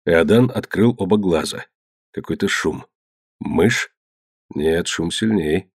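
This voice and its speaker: A man narrating an adventure novel in a low, measured storytelling voice. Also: breathy edge, no room sound, studio quality. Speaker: audiobook narrator. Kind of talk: scripted narration.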